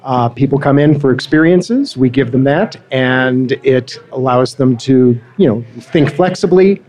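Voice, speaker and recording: A man's voice: medium pitch, animated, measured pace, a little mellow. A man answering interview questions as a guest, friendly and explanatory, often restarting his sentences. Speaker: guest, marketing director.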